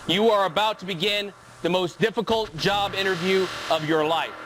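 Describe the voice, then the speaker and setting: A man's voice: high voice, moderate pace, noisy background. An American man addressing recruits as a military instructor, in stern, commanding drill sergeant phrases. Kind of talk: formal motivational speech to recruits. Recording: loud music over the speech.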